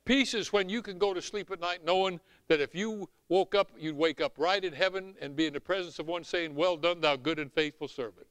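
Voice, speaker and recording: Bright, forceful Southern preacher man. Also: sits high, fairly quick, hardly any pauses, clear, resonant tone, no echo. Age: middle-aged or older. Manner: emphatic, folksy, swinging from hushed asides to shouts. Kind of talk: animated sermon with scripture reading.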